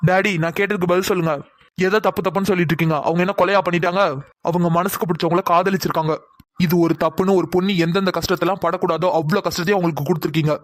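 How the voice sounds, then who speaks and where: தட்டையான குரலில் வேகமாகப் பேசும் ஆண். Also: male voice, sits high, steady tone, very fast, no room sound, studio quality. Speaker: cartoon voice artist voicing several male family members. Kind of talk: animated family drama dialogue.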